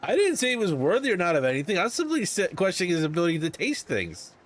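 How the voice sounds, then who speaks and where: A man's voice: sits high, wildly swooping pitch, fast talker. A man casually bantering over a game in an argumentative, teasing way.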